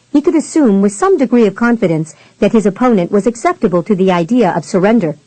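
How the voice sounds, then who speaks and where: A woman narrating a historical romance audiobook in a measured, even way. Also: mid-range voice, dry recording, low-quality recording.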